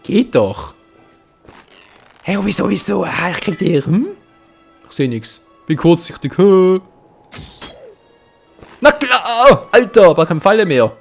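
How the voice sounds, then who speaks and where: A young man giving let's play commentary, his voice lively and leaping up and down in pitch as he reacts. He is excitable, swears often and keeps talking to his viewers. Faint game music plays behind him. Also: slow pace, gravelly, pauses often.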